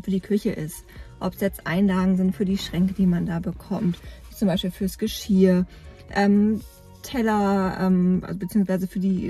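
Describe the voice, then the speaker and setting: Sitting in a parked car, a woman in her thirties who vlogs about camping rambles casually with many fillers. Her mid-range voice is warm and husky, picked up by a phone or camera at arm's length.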